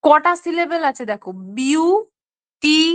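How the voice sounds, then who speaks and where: A woman's voice: high-pitched, normal speed, fairly bright tone. A woman teaching an online exam-prep lesson. She explains step by step and keeps checking in with her students.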